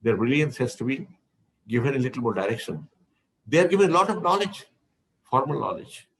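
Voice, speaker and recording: Indian English man, gravelly mid-range voice, spiritual teacher, rambling and repetitive delivery. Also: mid-range voice, animated, brisk, a bit bright, low-quality recording. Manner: discursive, repeats words while searching. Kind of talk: speaking to devotees in an online session.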